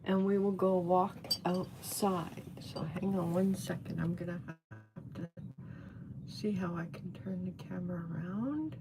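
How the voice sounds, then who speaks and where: A woman speaks in an unhurried, rambling way while she shows off her garden. She is filming herself on a handheld phone outdoors, and her voice sits slightly low. A faint outdoor ambience runs underneath. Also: noisy background. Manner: chatty, rambling, fond of her plants. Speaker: host. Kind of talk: casual livestream chat and garden tour. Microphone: phone held in hand.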